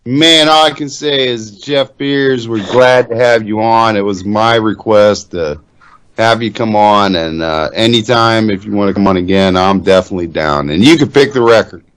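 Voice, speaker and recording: A man with a somewhat low voice hosts a casual podcast. He speaks in an easygoing, welcoming manner and keeps the chat relaxed. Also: normal speed, clear, resonant tone, dry recording. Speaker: podcast host.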